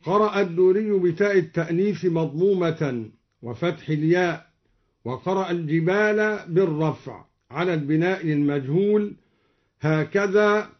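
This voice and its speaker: A man reciting scripture in slow, melodic chant, with spoken notes explaining variant readings between passages. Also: high voice. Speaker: Quran reciter. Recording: dull lo-fi old radio recording.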